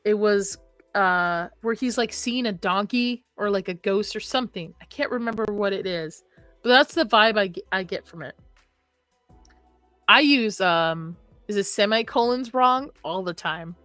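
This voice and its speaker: This young adult woman, whose first language was Arabic, hosts a horror livestream where she chats casually, reads comments, rambles and laughs often. Her mid-range voice is a little slow and a bit bright. The recording is dry, with soft music in the background.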